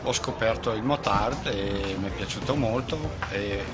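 A man's voice: on the low side, a little slow. An older man, a motorsport team manager, talking plainly about his racing team in a casual interview, with fillers and restarts. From Italy. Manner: relaxed, plain-spoken, with frequent fillers and restarts. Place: team garage at a race paddock. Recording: loud music behind the voice. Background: loud music.

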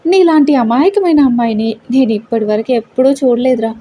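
A teasing, protective young man in an audio storybook, joking fondly and ribbing his friend's husband, as a woman narrator puts him on. The voice sits high and mellow, with a faint hiss of background noise. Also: a little fast, close to an everyday voice. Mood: playful. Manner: playful, joking, affectionate teasing.

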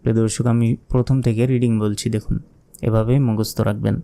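A man teaching Quran pronunciation, explaining points patiently and then chanting the verses in long, drawn-out tones. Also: fairly low pitch, level tone, gravelly, warm tone. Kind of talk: tajweed lesson with chanted recitation.

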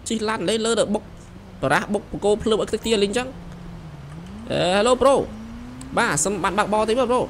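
A young man giving excited gameplay commentary, shouting quick directions as he plays. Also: high voice, a little hiss or hum. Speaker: gameplay streamer. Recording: voice over loud game sirens. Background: police sirens from the game.

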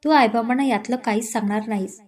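A woman voicing a gentle, heartbroken young bride who speaks quietly and resignedly, in a storybook reading. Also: on the high side, fast, lightly acted. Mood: sad.

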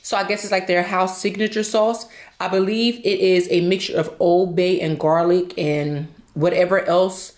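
A young vlogger eats at home and chats casually, occasionally speaking with her mouth full. Her voice is fairly low and darkish, steady in tone, at a moderate pace, picked up from a distance in a roomy indoor space.

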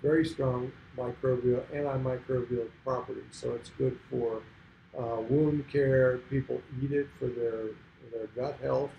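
A man's voice: medium pitch, fairly even intonation, a little slow, gravelly, reverberant, highs cut off, slight background noise. A man, a beekeeper, talking in a meandering, hesitant way during a casual discussion.

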